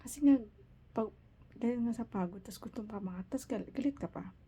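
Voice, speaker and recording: Husky, mellow Filipino woman telling a story. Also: a little high, moderate pace. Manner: emotional retelling, quotes others in English, restarts. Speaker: vlogger. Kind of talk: casual storytelling vlog.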